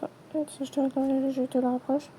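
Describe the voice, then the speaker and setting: A woman acting out a playful toy role-play, switching quickly between many characters in chatty everyday dialogue. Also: high voice, completely flat delivery, mellow, a little hiss or hum. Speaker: channel creator voicing every character.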